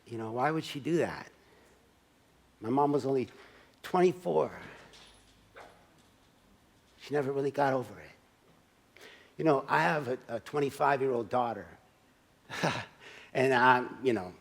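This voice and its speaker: A man's voice: mid-range voice, normal speed, creaky, long pauses. Man in his 60s telling a life story. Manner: conversational, acts out scenes with asides to the audience. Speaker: solo stage performer. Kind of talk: autobiographical storytelling monologue. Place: church service.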